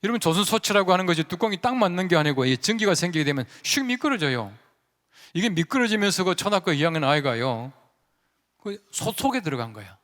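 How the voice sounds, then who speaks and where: A male pastor telling a story in a conversational sermon and leading his congregation in call-and-response. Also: a little high. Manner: conversational, animated storyteller who acts out quoted voices. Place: large church sanctuary. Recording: reverberant church sanctuary.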